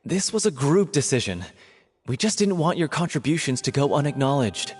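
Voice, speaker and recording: A man voicing a charming young showman who announces a stage show and calmly soothes a friend, in a video game. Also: on the high side, normal speed, soft background music. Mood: soothing.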